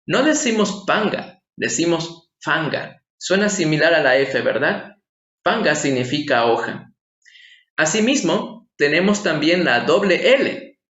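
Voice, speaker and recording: A man's voice: on the high side, sing-song, unhurried, a bit bright. A man teaching a language lesson online, explaining patiently and asking his viewers rhetorical questions. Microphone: screen-share voice-over. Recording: echoey room, slightly dull lo-fi sound.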